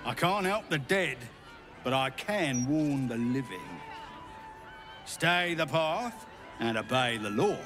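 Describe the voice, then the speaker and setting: An actor playing a stern male city guard who gives slow, menacing warnings to newcomers. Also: medium pitch, animated, crowd noise, noisy background. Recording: game audio with music behind.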